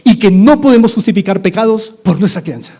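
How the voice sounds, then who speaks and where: A middle-aged man with a Colombian accent preaches a fairly quick, expressive sermon as a pastor. His voice is high yet mellow, and his earnest, repeated exhortations come through with studio-like radio sound.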